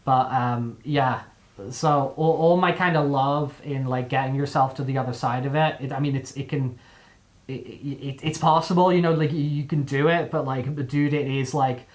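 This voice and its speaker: A man's voice: medium pitch, steady tone, moderate pace. A young man with a mixed, displaced accent, chatting casually on a live stream, rambling with many fillers and restarts.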